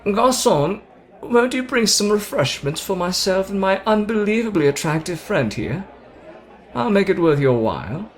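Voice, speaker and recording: A man's high, sing-song voice moves at a moderate pace as he plays a theatrical, bragging, teasing young Brit in an ASMR roleplay directed at the listener. The mood is boastful yet charming, and some chatter can be heard in the background.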